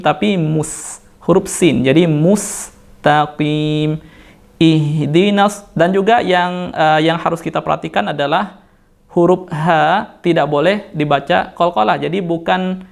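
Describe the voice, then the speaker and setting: A man with an Indonesian accent, teaching Quran recitation rules and slowly chanting verses between patient explanations. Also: on the high side, vocal fry. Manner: patient, corrects mistakes step by step with fillers. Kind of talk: tajwid lesson with slow chanted recitation.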